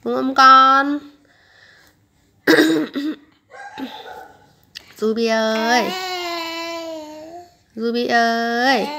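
A young woman, hoarse from a flu, coaxing her baby and chatting to viewers in a casual home vlog. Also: fairly high pitch, noisy background. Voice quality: gravelly, husky voice. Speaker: mother vlogging with her baby. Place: home bedroom, on the bed.

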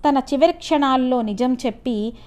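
Andhra Telugu woman, fairly high voice, story-reading lecturer. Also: normal speed, a little mellow. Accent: Telugu regional (Andhra).

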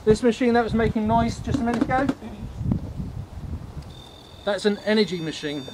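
A man leading a ghost tour, explaining things informally to a group in a halting, matter-of-fact way. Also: sits high, animated. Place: on a night walking tour, in the dark. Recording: noisy outdoor night recording.

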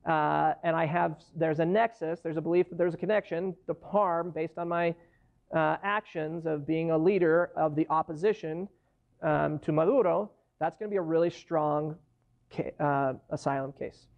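A man's voice: a little high, steady tone, moderate pace, creaky. A man in his thirties, an immigration lawyer, giving a conversational classroom lecture from a lectern and explaining through worked case examples. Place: university lecture hall, standing at a lectern. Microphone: far camera in the room. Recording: dull lo-fi classroom recording.

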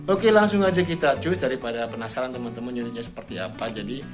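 A man's voice: mid-range voice, quick pace. A man, chatting casually as a vlogger and addressing viewers in an informal, chummy way. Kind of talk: casual vlog chat. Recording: music under the voice.

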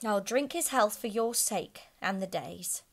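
A woman voicing an indignant, sharp-tongued mother of a poor family, loud and scornful. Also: mid-range voice, animated, measured pace.

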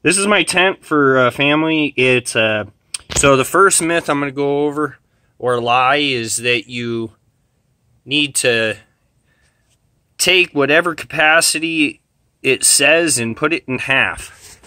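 A man's voice: mid-range voice, takes it slowly, bright, forceful tone, clean tone, no echo. A man in his thirties, chatty and plain-spoken with lots of "uh" and "um", giving camping gear advice outdoors at a campsite and talking into a handheld camera. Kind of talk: casual outdoor gear talk.

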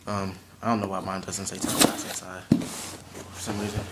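A young man in his late teens chatting casually and haltingly as he presents items to a camera at home. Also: low voice, flat delivery. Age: teens to young adult. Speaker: vlogger showing fishing tackle. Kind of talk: casual unscripted unboxing chat. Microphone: camera or phone mic at arm's length. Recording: noisy amateur recording with clicks and rustling.

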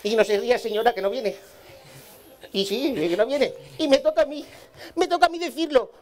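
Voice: mid-range voice, normal speed, natural voice. A performer playing a flustered young male event organizer who stammers nervously, on a live outdoor stage. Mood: stammering. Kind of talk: live comic stage acting.

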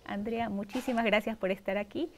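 A woman's voice: mid-range voice, steady tone, fairly quick, slight background noise. Middle-aged woman hosting a TV interview. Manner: warm formal presenter, frequent backchannel. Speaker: TV host. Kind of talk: studio interview. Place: TV studio. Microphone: lapel mic.

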